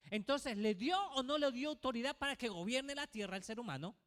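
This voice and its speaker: A man's voice: very high voice, a little fast, a bit bright. A male pastor preaching a sermon to his congregation, asking many rhetorical questions. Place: church. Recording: reverberant church hall.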